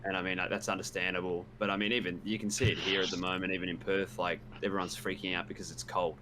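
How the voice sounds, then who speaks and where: A man's voice: low voice, level tone, fast talker, background noise. A man chatting bluntly and casually on a podcast. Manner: blunt, laid-back. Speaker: podcast guest writer. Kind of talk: casual chat.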